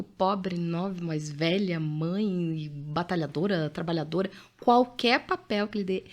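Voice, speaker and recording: A middle-aged woman with a Brazilian accent hosting a podcast, chatting casually and reading out facts with her own asides. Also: medium pitch. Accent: Brazilian Portuguese. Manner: chatty, often adds "né?", reads out facts with asides. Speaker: podcast host. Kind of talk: casual conversational podcast chat.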